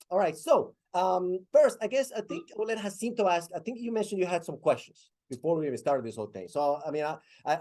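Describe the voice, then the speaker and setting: Lively, upbeat male podcast host. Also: a little high. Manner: upbeat, laughs easily, loose rambling phrasing. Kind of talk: casual podcast chat.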